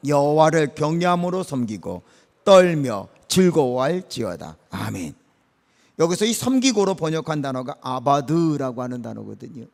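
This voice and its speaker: A man's voice: mid-range voice, vocal fry. Emphatic male pastor in an echoing church. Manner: animated, emphatic, folksy asides to the congregation. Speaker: senior pastor. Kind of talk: early-morning sermon. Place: church sanctuary. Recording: long reverb of a church hall.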